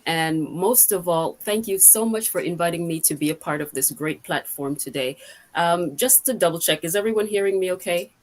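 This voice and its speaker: A woman's voice: fairly low pitch, normal speed. A middle-aged woman from Jamaica speaking as a guest on an online forum over a video call, grateful and chatty with many fillers. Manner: warm, grateful, with frequent fillers.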